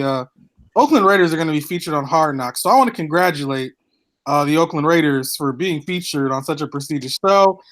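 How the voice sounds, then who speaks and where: A man's voice: on the high side, fairly bright tone. A man co-hosting a casual football podcast, making a wry, sarcastic aside. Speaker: podcast co-host. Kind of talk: casual sports podcast chat.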